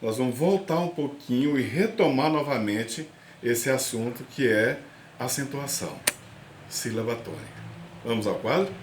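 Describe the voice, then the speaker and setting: A man's voice: mid-range voice, lively intonation, normal speed, a little hiss or hum. A male language teacher giving a remote class, explaining step by step and often checking in with his students. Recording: roomy echo.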